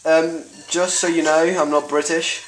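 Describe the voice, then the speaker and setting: Brief: Spanish-accented man, casual home cooking vlog, giggly and self-correcting, echoey kitchen with loud frying noise. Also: fairly high pitch, level tone, normal speed. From Spain. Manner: rambling, giggly, corrects himself. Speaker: home cook presenting a recipe. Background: sizzling pan and stirring.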